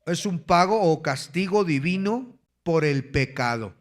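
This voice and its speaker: Slow, deliberate Ecuadorian pastor teaching. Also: male voice, a little high, animated. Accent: Ecuadorian Spanish. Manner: teaching slowly, dictating numbered points for notes. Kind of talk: sermon.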